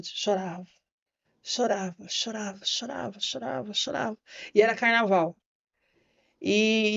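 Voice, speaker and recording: A woman giving a personal testimony as a podcast guest, telling her story vividly and acting out the voices she quotes. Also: fairly high pitch. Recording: slightly muffled podcast audio.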